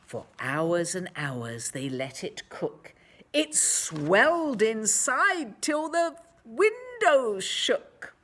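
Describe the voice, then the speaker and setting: A woman reading a picture book aloud to children, expressively, with dramatic emphasis and drawn-out words. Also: on the high side, very animated, fairly bright tone.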